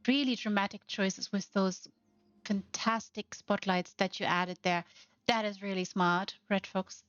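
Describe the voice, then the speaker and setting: A woman hosting a tour of a game house, gushing with lavish praise at a slow, deliberate pace and sometimes slipping into playful baby-talk. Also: mid-range voice, fairly even intonation, a bit bright, clear, resonant tone, no room sound, muffled recording. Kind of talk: casual tour commentary.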